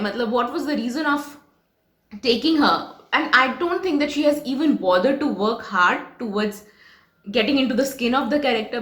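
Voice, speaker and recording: A woman's voice: fairly high pitch, a bit bright, reverberant. A Bengali woman giving opinionated reaction commentary, emphatic and critical, moving between Hindi and English. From West Bengal, India.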